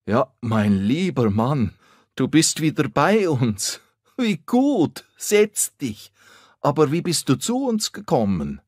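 A man's voice: mid-range voice, takes it slowly, no echo, clean studio sound, voice pushed up. A man voicing a cautious middle-aged innkeeper woman in a storybook, speaking carefully. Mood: overjoyed. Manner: careful, warmly excited at times.

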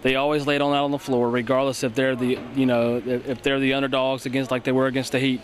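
A young man runs through post-game analysis at a rapid clip, earnest and full of restarts. He speaks into a handheld mic in an empty arena. Faint ambience hums behind him. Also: mid-range voice, little pitch movement, slight background noise. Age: young adult. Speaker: sports broadcaster co-host. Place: empty indoor basketball arena. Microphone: handheld mic held by co-host.

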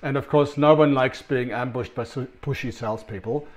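Speaking at normal speed in a steady, mid-range voice, a middle-aged man with an Australian accent gives a recorded conference presentation from his office. He works as a sales consultant, and his conversational delivery is full of ums and restarts.

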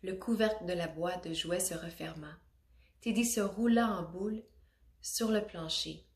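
A woman reading a children's picture book aloud, expressive and adding little asides for children. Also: on the low side, unhurried. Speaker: storybook reader. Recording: roomy echo.

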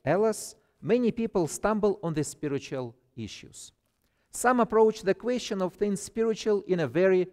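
A middle-aged man with a Russian accent, a guest pastor reading a sermon from the pulpit in a measured, deliberate way. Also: high voice, darkish tone, big-room sound. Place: church sanctuary, at a pulpit.

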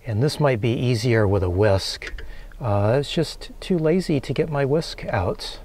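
Calm man talking through a recipe. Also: medium pitch, a little hiss or hum. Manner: calm, unhurried, many filler "uh"s. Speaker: vlogger cooking in his van. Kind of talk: casual cooking demonstration. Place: small camper van kitchen, indoors.

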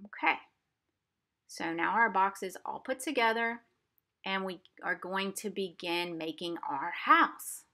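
A woman instructor with a mid-range, sharp voice and measured pace demonstrates a craft for a museum family program, keeping things simple and explanatory for young viewers at a craft table indoors.

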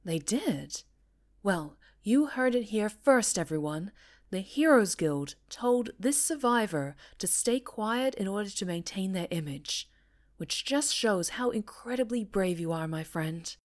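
In a scripted ASMR roleplay, a woman plays a polished, encouraging talk show host, articulate and reassuring with a showy presenter's delivery and a dramatic, probing mood. Her mid-range, expressive voice is close to everyday speech and keeps a measured pace.

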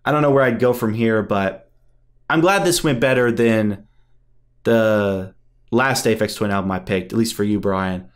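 A man co-hosting a music podcast, talking with enthusiasm about an album he loves. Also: fairly low pitch. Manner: enthusiastic, quick to laugh. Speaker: podcast co-host. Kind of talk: casual album review chat.

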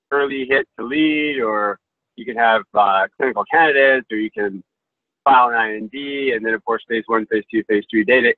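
A man speaking as an investor panelist on a webinar, heard over a video call that cuts out, explaining in a measured way with many fillers. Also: medium pitch, dry recording. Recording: tinny phone-like call audio, dry.

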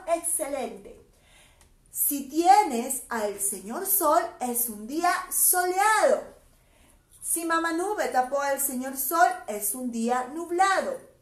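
Woman preschool teacher, bright high voice, unhurried and cheerful, echoey room. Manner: cheerful, coaxing, addresses children by name. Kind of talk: online preschool lesson.

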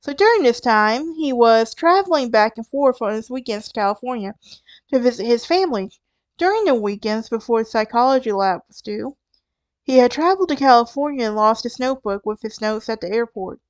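Southern woman hosting a true crime podcast: smooth, clear voice, casual storytelling with wry asides. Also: fairly high pitch, expressive, fairly quick, no room sound, lo-fi sound. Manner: conversational, with asides and restarts. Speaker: podcast host.

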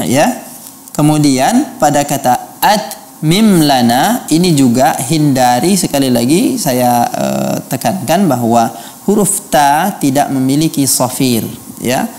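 Slow, deliberate male recitation judge. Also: medium pitch, darkish tone. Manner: deliberate, slowly chants Arabic words to model them. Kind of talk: spoken feedback on recitation.

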